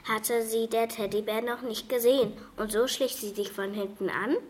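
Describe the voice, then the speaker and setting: A woman reading a self-written fairy tale aloud in a plain, slightly halting manner. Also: on the high side, fairly even intonation. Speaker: storyteller.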